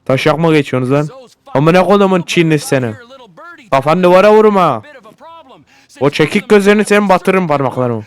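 A man narrates his gameplay in loose, casual commentary, swearing freely and flaring into excitable shouts at whatever happens on screen. His voice sits a little high and stays smooth and clean throughout. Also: fast. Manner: profane, excitable, often yelling at the game. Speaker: gaming YouTuber.

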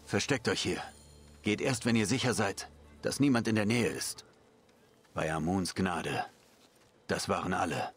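An actor playing a guarded, stealthy male hero in a video game, with a husky, raspy voice. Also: low voice, measured pace, long pauses, full character voice. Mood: guarded, serious.

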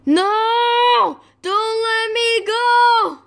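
A calm, smug cartoon rabbit, unbothered by everything around him. He talks slowly and flatly. His tone stays dry and matter-of-fact. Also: extremely high pitch, heavily acted.

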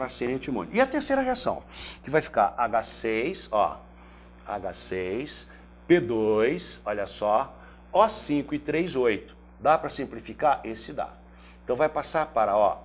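A Brazilian man gives a lively chemistry lesson in a middle-pitched voice. His pitch leaps up and down as he talks through each step and answers his own questions. The delivery is chatty and classroom-friendly. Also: slight background noise. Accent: Brazilian Portuguese. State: throat briefly irritated. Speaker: chemistry teacher.

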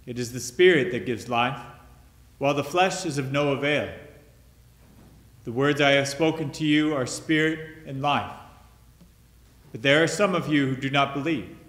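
A priest reading the Gospel aloud at Mass in a measured, formal way, his voice carrying a cathedral echo in a large church. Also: mid-range voice, fairly bright tone.

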